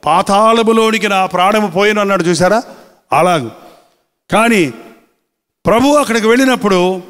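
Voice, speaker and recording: A man preaching a sermon as pastor, drawing out words slowly for emphasis and quoting scripture. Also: sits high, a bit bright, clear, resonant tone, long reverb tail. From India. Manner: preaching with slow, drawn-out emphasis and quoted scripture.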